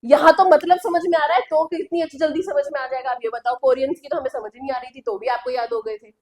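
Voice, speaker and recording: Lady coach talking students through study hacks, high voice, keeps checking in with them. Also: fairly even intonation, fast talker, darkish tone. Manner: chatty, addresses students directly with repeated tag questions. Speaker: coaching teacher. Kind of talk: motivational study-tips lesson.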